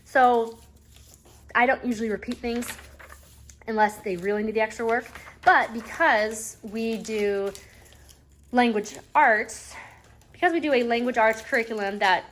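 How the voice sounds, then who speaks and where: A woman speaks a little slowly in a high, rather bright voice, pausing often as she chats at her home table. A homeschooling mother, she rambles through a casual review of a reading curriculum, repeatedly saying "anyways," with faint background noise and clicks present.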